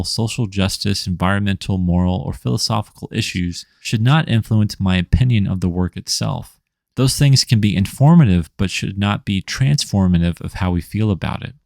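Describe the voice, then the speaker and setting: Gravelly low-voiced man narrating an essay. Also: darkish tone, no room sound, clean studio sound. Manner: measured, rhetorical, list-like delivery. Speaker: indie comics writer and channel host. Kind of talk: scripted video essay narration.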